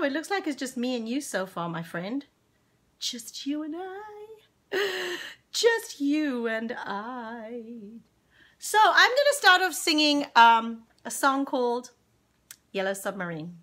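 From a home room decorated with plants and curtains, a woman in her forties from Zimbabwe hosts a children's singalong live over a desk-distance webcam. Her high voice has a bit of brightness. She talks slowly and cheerfully, affectionately addressing viewers by name between songs.

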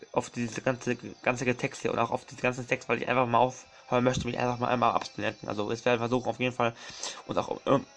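A man's voice: mid-range voice, a bit bright. A man doing casual let's play commentary, rambling and apologizing often, repeating his words and calling his viewers his friends.

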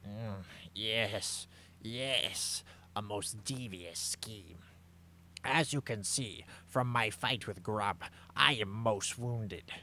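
A man plays a scheming skeleton brawler in a comedic game roleplay. He speaks in a pompous, drawn-out villainous way with a very forceful, sharp edge. The mic carries clear hum and noise. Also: on the low side, full character voice.

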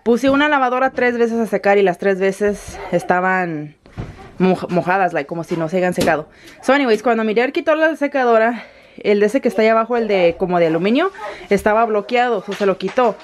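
A woman's voice: medium pitch, a little fast. Chatty woman. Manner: chatty, expressive, switches freely between Spanish and English. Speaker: vlogger. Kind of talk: casual home vlog. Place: home, kitchen and laundry area. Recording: noisy home recording.

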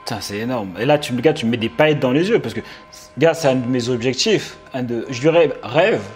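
A man's voice: mid-range voice, fairly quick. Male host, casual and enthusiastic, slangy, faint music behind him. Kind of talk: casual interview talk.

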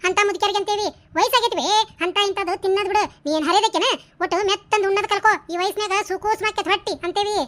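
A woman voicing bickering village women in a cartoon, talking in quick bantering dialect with a North Karnataka Kannada accent. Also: extremely high pitch, fairly even intonation, a bit bright. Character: bickering village women, a landlady and her helpers. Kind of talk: cartoon voice acting.

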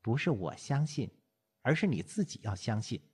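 Coquettish young woman in an audiobook, teasing, bright and lively; a man reads her. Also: medium pitch, moderate pace, husky. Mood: earnest. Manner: playful, pouting.

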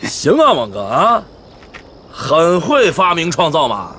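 A man's voice: on the high side, wildly swooping pitch, slow pace, pushed and bright, slight background noise, full character voice. An actor playing an eager, confident young male officer in a TV war drama. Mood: upbeat. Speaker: soldier officer.

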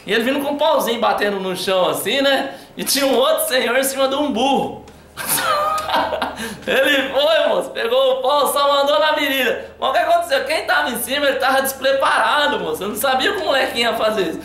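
A man telling a funny anecdote in a lively, chatty way. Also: very high voice, brisk, roomy sound, a little hiss or hum. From Brazil. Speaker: storyteller.

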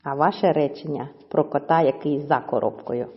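A woman's voice: sits low, normal speed, in a large hall, muffled recording. A woman teaching young children, patiently stretching words out syllable by syllable.

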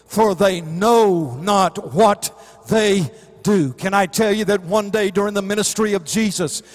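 High-voiced preaching man, slow and deliberate. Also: no echo. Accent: Southern US. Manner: impassioned preaching, rising to shouts. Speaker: pastor. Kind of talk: sermon. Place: church sanctuary stage. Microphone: handheld microphone.

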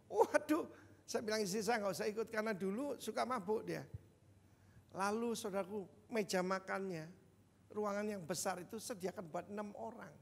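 An older man delivers an animated sermon in a fairly high, gravelly voice, breaking into sudden loud bursts and speaking straight to the congregation. He is recorded in a large church hall with a long reverb trailing his words. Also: moderate pace. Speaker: senior pastor.

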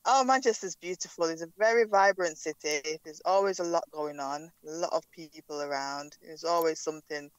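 Interview guest: Jamaican woman in her thirties, smooth resonant voice, dry sound. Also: sits low, moderate pace, few pauses, dry recording, poor audio. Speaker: podcast guest. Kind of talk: casual interview.

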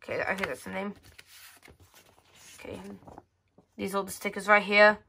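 A woman hosts a magazine flip-through video at a tabletop indoors, commenting casually page by page and reading bits aloud, her sentences hesitant and rephrased. Her mid-range voice is steady and creaky, bright and forceful, at a normal speed.

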